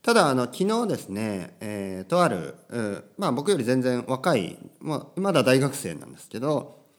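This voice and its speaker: A man's voice: medium pitch, big pitch swings, normal speed. A man hosting a podcast for language learners, talking casually from home in a chatty, rambling way with plenty of fillers and tag words. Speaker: podcast host. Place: home with a washing machine running.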